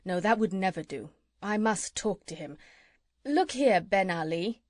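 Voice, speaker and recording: A woman doing a soft, courteous doctor. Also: mid-range voice, expressive, a little slow, dry recording, clean studio sound. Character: gentle, polite middle-aged male animal doctor.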